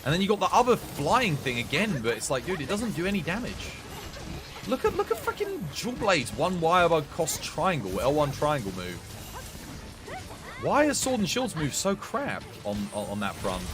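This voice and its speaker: A man's voice: on the high side, wildly swooping pitch, normal speed, music in the background. A young man on a headset mic, chatting casually to his livestream viewers while commenting on his game. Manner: chatty, rambling, swears mildly, talks to chat. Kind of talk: casual gameplay commentary and chat.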